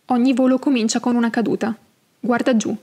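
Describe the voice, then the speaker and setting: A woman voicing a stern, ancient three-eyed crow that speaks in calm, commanding lines. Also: a little high, a little fast.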